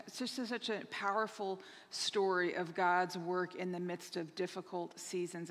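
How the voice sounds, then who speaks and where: A pastor in her thirties stands at a lectern in a church sanctuary, earnestly reading announcements to an online congregation and restarting often. Her voice is fairly low and a bit bright, and the hall gives the recording a strong reverb.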